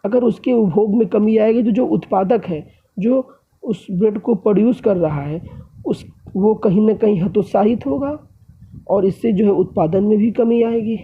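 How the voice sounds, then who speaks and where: A man teaches an economics lesson in a high, gravelly voice with a husky edge. He works through his examples step by step and keeps addressing his listeners as friends. The sound is thin and tinny, like a phone line. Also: normal speed. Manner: explains step by step, often addressing viewers as friends. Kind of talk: classroom lecture.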